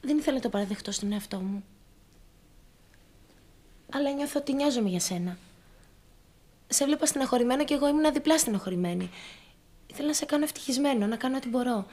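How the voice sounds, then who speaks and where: A vulnerable woman in a TV soap drama confessing her love. Her voice is fairly high, and she speaks in an earnest, pleading way. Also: expressive, pauses often, mellow. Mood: tender.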